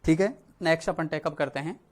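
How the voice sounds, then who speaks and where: A man's voice: fairly high pitch, fast. A male teacher explaining an English lesson, repeating key words and checking in often. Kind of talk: spoken Hindi classroom lesson.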